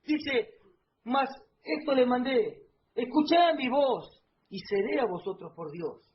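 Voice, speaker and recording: A man preaching a fervent sermon at a church service, swinging between hushed lines and loud emphasis and often calling out to his beloved brothers. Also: very high voice, lively intonation, takes it slowly, lo-fi sound, slight background noise.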